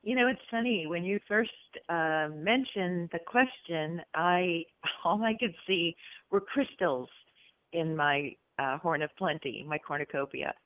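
A woman calling into a radio show by phone, playful and giggly, often trailing off softly. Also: on the low side, expressive, a little slow. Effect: call-in voice over a phone line. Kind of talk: casual chat. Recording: dry tinny phone line.

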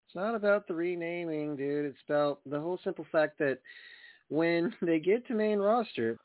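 A man's voice: a little high, moderate pace, no echo. A man hosting a wrestling radio show, chatting casually in a rambling, slangy way over a thin phone-like line. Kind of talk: casual talk show chat.

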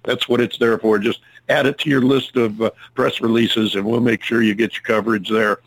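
A man's voice: medium pitch, level tone, fairly quick, no room sound, poor audio. A man hosting an interview show, chatting casually in a folksy, welcoming way. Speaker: radio show host.

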